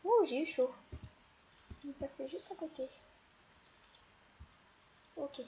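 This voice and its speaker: Teen girl gamer, high and unhurried, playful self-talk, muffled lo-fi mic with hiss. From France. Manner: playful, chatty, talks to herself and the players. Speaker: gaming video creator. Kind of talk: let's play commentary. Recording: dull lo-fi mic with steady noise.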